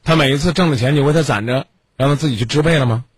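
A man's voice: mid-range voice, racing, husky, no echo. A man hosting a radio call-in advice show, scolding a caller in a stern lecture full of pointed questions.

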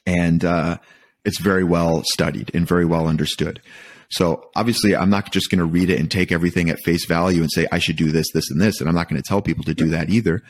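In relaxed, reflective interview talk, this very low-voiced man from Michigan appears as a podcast guest. He keeps a fairly even intonation and comes across thoughtful, pausing haltingly and rewording his points along the way.

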